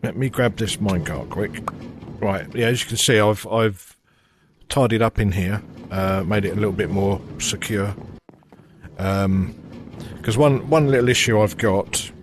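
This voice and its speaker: A man with a low-pitched voice talks through his gameplay in an easygoing, thinking-aloud way, full of little ums and uhs. A faint hiss of noise sits under the recording. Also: measured pace. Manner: relaxed, thinking aloud with many fillers. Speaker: gaming channel host. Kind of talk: casual gameplay commentary.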